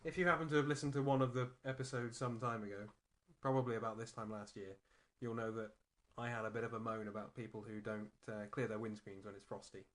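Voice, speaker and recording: A man's voice: fairly low pitch, fairly even intonation, quick pace, a bit bright. A man co-hosting a podcast, chatting casually, laughing easily and airing petty gripes about drivers. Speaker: podcast co-host. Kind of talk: casual chat.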